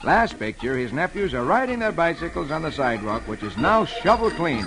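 A man hosting an old radio show, reading comics aloud in a lively, animated storytelling manner, in a noisy old broadcast recording. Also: a little high, fairly quick, over music.

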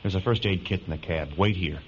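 Man acting a gruff low-voiced field medic. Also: fairly quick, close to an everyday voice. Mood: gruff concern. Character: gruff, reluctant male truck-driving rescuer, kind underneath. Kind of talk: dramatic audio fiction acting. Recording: dull, noisy audio drama recording.

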